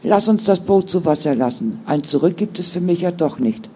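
A man's voice: on the high side, animated, moderate pace, mellow, a little hiss or hum, lightly acted. A man voicing an angry, defiant young woman who is a mother, with indignant, bitter outbursts. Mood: sad.

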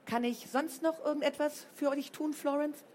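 A woman reading a storybook, voicing a kind house mother at a boarding school who speaks gently and solicitously. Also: high-pitched, steady tone, normal speed, a little hiss or hum, voice pushed up, close to an everyday voice. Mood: caring.

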